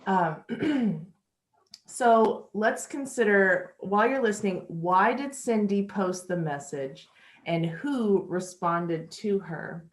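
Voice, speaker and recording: An animated woman with a medium-pitched voice gives an online English lesson in an echoey room. She's patient and unhurried, keeping things chatty and sprinkling in soft laughs.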